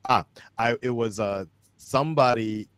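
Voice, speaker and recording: A man's voice: mid-range voice, measured pace, a bit bright, clean tone, no room sound. A man chatting as a guest creator on a livestream, rambling and repeating phrases as he works toward his point. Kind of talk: casual chat on a livestream.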